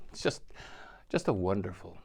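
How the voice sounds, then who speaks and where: Male priest, reflective homily, storytelling with a very lively, swinging pitch. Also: unhurried, creaky. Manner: animated storytelling, acts out quotes.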